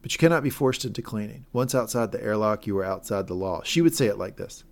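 This fairly low-voiced podcast co-host speaks fast and expressively as he recaps a TV episode scene by scene. He wanders off track, catches and fixes his own mistakes, and tosses out guesses about where the story is going.

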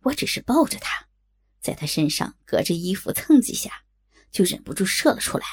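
A woman's voice: mid-range voice, big pitch swings, moderate pace, a little mellow, husky, no room sound, studio quality, pitched below the performer's own voice. A woman voicing a crude, lecherous young male bandit who grumbles and leers in a coarse way, for an audiobook. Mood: leering.

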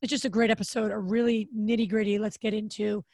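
A woman co-hosting a podcast in a casual chat, her voice raspy and hoarse, with a chatty manner full of restarts. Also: little pitch movement, fast, a little mellow, no room sound. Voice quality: raspy, deep voice. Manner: chatty, frequent restarts and fillers. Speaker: podcast co-host.

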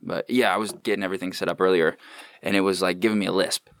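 Laid-back deep-voiced male podcast host. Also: fairly even intonation, fast talker, gravelly, fairly bright tone, dry recording. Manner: laid-back, swears freely, many fillers. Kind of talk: casual chat. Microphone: studio microphone without headphones.

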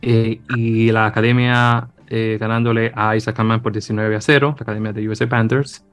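A man's voice: fairly low pitch, level tone, a little fast, soft background music. A man hosting a sports podcast in casual chat, rambling with many hesitations and restarts. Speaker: podcast host.

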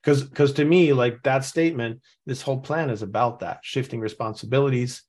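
A man from Norway hosts a casual podcast chat, reading through material and musing out loud, often restarting his sentences. Recorded on a remote call setup, his voice is medium-pitched, a little mellow, and fairly quick.

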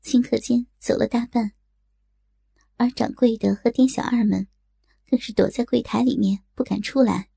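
Woman with a gravelly, husky storytelling voice. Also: on the high side, moderate pace, dry recording. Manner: steady, storytelling delivery. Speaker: narrator. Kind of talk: scripted audiobook narration of a martial-arts tale.

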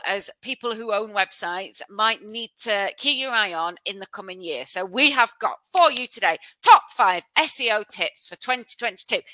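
A woman's voice: medium pitch, pushed and bright, no room sound, low-quality recording. A woman hosting a podcast in a conversational way, explaining things plainly and with emphasis. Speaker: podcast host.

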